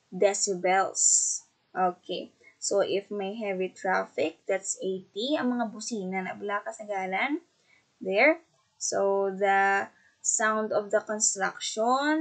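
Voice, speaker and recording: Filipino-accented female teacher, fairly high voice, explanatory lecture style. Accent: Filipino, Hiligaynon. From Philippines. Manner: explanatory, repeats "okay" and "so" often. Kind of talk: classroom lecture mixing English and Hiligaynon.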